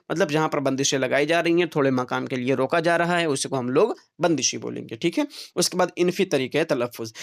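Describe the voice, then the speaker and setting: Male teacher talking through a lecture. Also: on the high side. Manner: explains step by step, keeps checking in with "theek hai". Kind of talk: exam-prep lecture.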